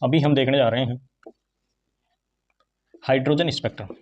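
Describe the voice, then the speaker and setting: A man's voice: mid-range voice, steady tone, a little mellow, dull audio. A man teaching a chemistry lesson, asking his class questions and answering them himself. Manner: repetitive call-and-response questioning; fast, chatty explaining with Hindi-English mix. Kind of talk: online classroom lecture.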